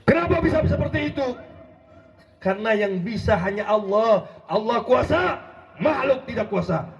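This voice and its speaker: A man preaching an impassioned sermon, rousing and often shouting as he addresses his listeners directly. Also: extremely high pitch, expressive, moderate pace, gravelly. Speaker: preacher and legal consultant. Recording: dull lo-fi recording.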